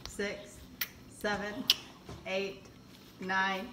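Bright-voiced mom, unhurried, faintly noisy. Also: female voice, mid-range voice, monotone. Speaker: mother behind the camera. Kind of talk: casual family chat. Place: room at home. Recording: hissy home phone recording with clicks.

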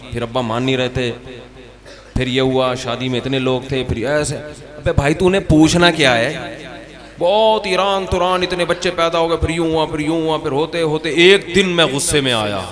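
A man's voice: medium pitch, fairly bright tone. A man preaching a sermon at a conference. He talks in a conversational way and acts out small dialogues and stories. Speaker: Islamic preacher. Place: conference gathering with a crowd.

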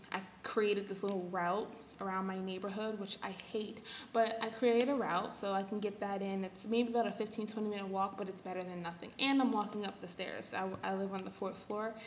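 A young adult woman giving a casual update to camera, halting as she thinks aloud. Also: mid-range voice, little pitch movement. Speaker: vlogger. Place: small bare room at home. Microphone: webcam or laptop at arm's length. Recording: echoey room, faint background hiss.

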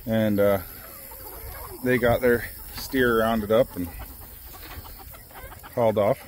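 Speaking slowly in a lowish voice, a man hosts a farm vlog outside on a ranch, surrounded by chickens and cows. His talk is relaxed, rambling chatter full of fillers as he goes about chores, and there's slight background noise.

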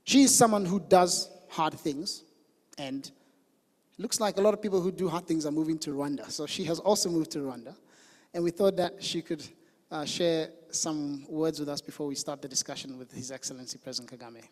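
A man in his thirties on stage with a handheld mic, introducing a guest speaker, with some halting restarts. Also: on the high side, a little mellow. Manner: hesitant, restarts mid-phrase. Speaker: event host. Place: large convention hall stage. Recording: long reverb of a big hall.

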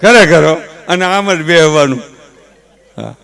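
A man with a Kathiawadi Gujarati accent, a stage comedian mixing folksy, animated stories with earnest advice. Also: fairly high pitch, measured pace, vocal fry, clean tone. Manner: folksy, animated storytelling with gestures; earnest advising. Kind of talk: humorous stage talk with advice.

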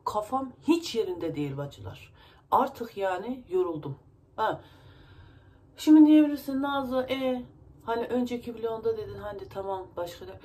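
A woman's voice: mid-range voice, animated, moderate pace, darkish tone. A woman vlogger venting to her viewers in a rambling, emotional way, her nose stuffy from crying. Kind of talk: casual vlog talk to viewers.

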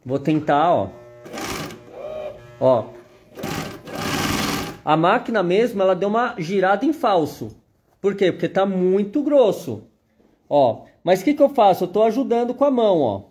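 A man's voice: high voice, very animated, unhurried, pauses often, a little mellow. A man with a Brazilian Portuguese accent giving a chatty live sewing machine demonstration, constantly pointing things out to viewers.

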